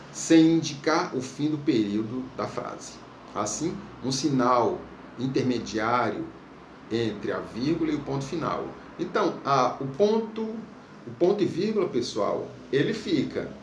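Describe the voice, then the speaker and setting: A man from Brazil teaching a recorded school lesson, patiently checking in with his pupils. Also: medium pitch. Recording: echoey room, faint background noise.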